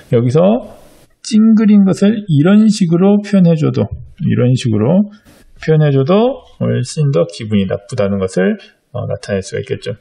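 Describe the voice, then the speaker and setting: A man's voice: fairly high pitch, gravelly, mellow. A middle-aged man teaching a drawing lesson to young children, explaining patiently step by step with frequent fillers. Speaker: art teacher.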